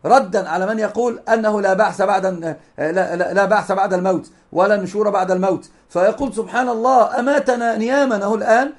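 Fast high-voiced sheikh teaching. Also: male voice, steady tone. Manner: emphatic, repeats phrases, quotes scripture. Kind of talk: religious lesson commentary.

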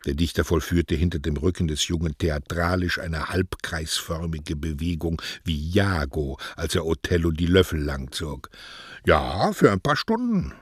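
A man giving a measured, scripted audiobook narration. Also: rumbling low, fairly even intonation, slightly rough, dry recording, studio quality. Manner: measured literary reading.

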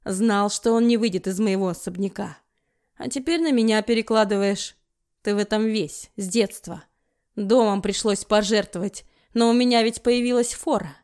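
A woman's voice: mid-range voice, steady tone, moderate pace, a little mellow, clean tone, natural voice. A woman reading an audiobook voices an unhinged, spiteful man in a hysterical, menacing way. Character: unhinged vengeful man, hysterical villain brother.

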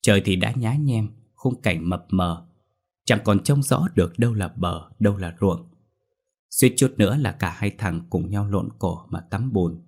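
Low-voiced male horror story narrator. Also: a little slow, a little mellow, slightly rough.

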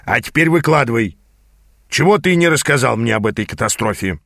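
A man's voice: mid-range voice, animated, brisk, gravelly, a bit bright, no echo, clean studio sound. A man reading an audiobook and voicing a sarcastic male demon mentor who growls, scolds and mocks his apprentice. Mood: scolding. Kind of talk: audiobook character voice.

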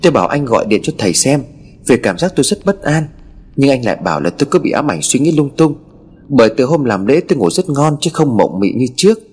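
A male storyteller reading a first-person horror tale, his pitch rising and falling in lively swings. Quiet music plays faintly under the narration.

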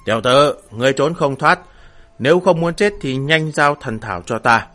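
A man's voice: mid-range voice, expressive, normal speed, fairly bright tone, faint music behind, close to an everyday voice. A man voicing a menacing male shadow guard who mocks and barks commands at his prey. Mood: mocking. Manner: harsh, mocking commands.

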